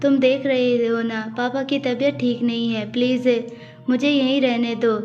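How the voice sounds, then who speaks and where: A woman's voice: a little high, steady tone, normal speed, darkish tone, close to an everyday voice. A woman voicing a tearful young wife who pleads. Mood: pleading. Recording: dull audio with faint music.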